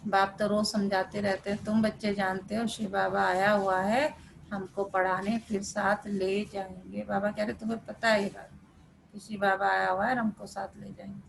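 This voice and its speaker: A woman patiently walks a video-call spiritual class through a scripture reading, using everyday examples and slipping into English words. Her medium-pitched voice is gravelly with little pitch movement at a moderate pace, and the low-quality recording has a little hiss or hum.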